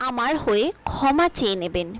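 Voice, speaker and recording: A woman teaching spoken English, reading each sentence aloud slowly and carefully, twice over. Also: fairly high pitch, lively intonation, rough recording.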